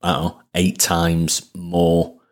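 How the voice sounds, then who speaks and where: Casting: male interview guest, Sheffield accent, low-pitched voice, informal conversational delivery. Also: completely flat delivery, slow pace. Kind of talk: casual conversational interview talk.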